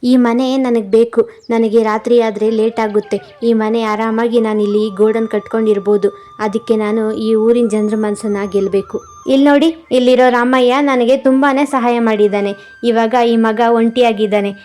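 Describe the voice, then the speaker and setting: A woman's voice: on the high side, steady tone, a little mellow, faint music behind, close to an everyday voice. Bhimanna, a woman doing a sly greedy merchant. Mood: sly, scheming. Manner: sly, fast-talking. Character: greedy scheming male merchant.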